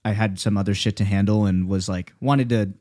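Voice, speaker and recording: A man's voice: on the low side, fairly even intonation, a little fast, a little mellow. A young man hosts a laid-back podcast and talks loosely. He swears freely and fills his sentences with likes and you-knows. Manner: loose and profane, lots of fillers. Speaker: podcast host. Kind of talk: casual podcast chat.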